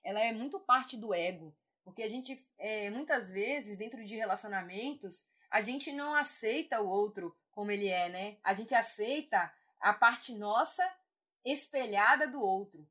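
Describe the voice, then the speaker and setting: A woman in her thirties, talking in a gentle, reflective way as a podcast co-host, often asking "né?". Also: mid-range voice, expressive, measured pace. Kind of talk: reflective conversation on self-acceptance.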